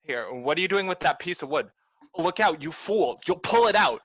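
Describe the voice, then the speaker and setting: In 1930s-style radio drama acting, a man voices a greedy, scheming butler who is harsh and scornful, bullying others and laughing mockingly. His voice is fairly high and bright, with lively intonation and a normal speed.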